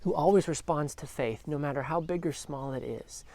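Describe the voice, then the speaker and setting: A woman's voice: sits low, moderate pace, mellow, a little hiss or hum. A woman telling a Bible story as a devotional, earnest, acting out the quotes as she goes. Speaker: devotional speaker.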